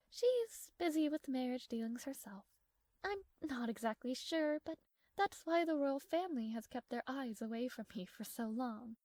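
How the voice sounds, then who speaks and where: Speaking straight to the listener, a tsundere princess voiced by a woman comes across haughty and formal, guarded but affectionate, and easily flustered. Her high, girlish voice is a little mellow, recorded dry and near the ear for a romantic audio roleplay.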